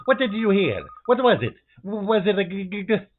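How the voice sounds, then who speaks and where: Man putting on a high, jumpy policewoman. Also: wildly swooping pitch, moderate pace, breathy edge, exaggerated voice. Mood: frightened. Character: jumpy, prim female police detective feigning bravery. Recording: thin phone-like sound.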